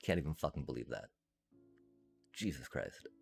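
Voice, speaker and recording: A man's voice: extremely low pitch, lively intonation, normal speed, vocal fry, faint music behind. A man streaming a card game, ranting profanely with frustrated laughs between lines. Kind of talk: casual gameplay commentary.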